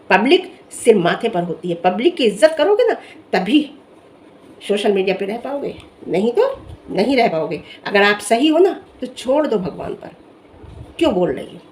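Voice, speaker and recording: A woman's voice: medium pitch, moderate pace, slight background noise. A young woman vlogger giving an emphatic, scolding commentary to camera. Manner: scolding, emphatic, animated rant. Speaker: vlogger reviewing social media drama.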